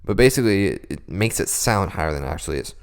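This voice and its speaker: Low, gravelly young man explaining vocal tricks. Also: expressive, quick pace. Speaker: beatbox tutorial host. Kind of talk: casual vocal technique tutorial.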